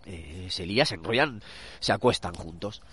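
A man's voice: sits low, animated, normal speed, fairly bright tone, breathy edge. A man with a Castilian Spanish accent hosting a casual podcast in a nasal voice, stuffed up with a cold, rambling and correcting himself as he chats. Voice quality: nasal, congested voice. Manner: rambling, hesitant, self-correcting. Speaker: podcast host. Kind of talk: casual chatty podcast recommendation. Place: out walking a dog.

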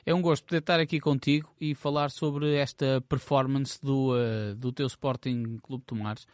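A man's voice: medium pitch, fairly even intonation, moderate pace, no room sound, clean studio sound. A man with a European Portuguese accent hosting a conversational interview. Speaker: host interviewer.

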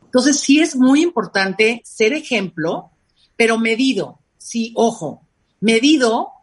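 A woman speaks with a Mexican accent and a husky, breathy voice that sits somewhat high. She is a guest expert in an interview, explaining family matters with lively expression and playful acted-out voices. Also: slow. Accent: Mexican Spanish. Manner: animated, acts out quoted parents in lively voices. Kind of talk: conversational interview.

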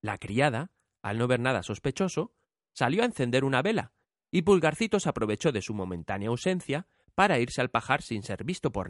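Male storyteller reading a fairy tale, lively pitch, dry close sound. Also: no echo. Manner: expressive.

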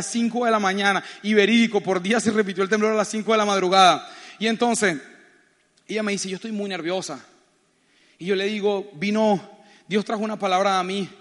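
Male preacher, very high bright voice, storytelling sermon, hall reverb. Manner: animated, acts out voices in his story.

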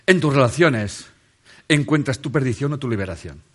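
A man's voice: mid-range voice, animated, normal speed. A man giving a humorous motivational talk on a stage, joking with the audience, questioning them directly and laughing often. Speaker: motivational speaker. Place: stage under a spotlight before a seated audience.

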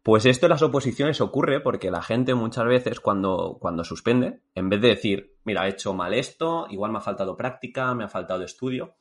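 A man's voice: on the low side, expressive, a little fast, few pauses, slightly rough. A man, hosting an interview in a casual, encouraging, reflective tone. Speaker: interview host.

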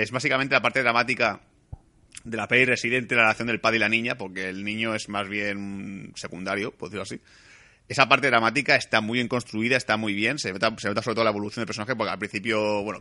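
A man reviewing a film in casual chat. He is animated, swears freely and acts out scenes. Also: lowish voice.

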